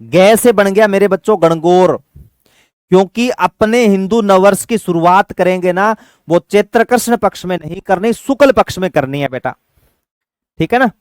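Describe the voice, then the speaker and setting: A man teaching an exam-prep lesson, fatherly with his students, asking questions and answering them himself, chanting memory tricks slowly. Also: high voice, clear, resonant tone, no echo.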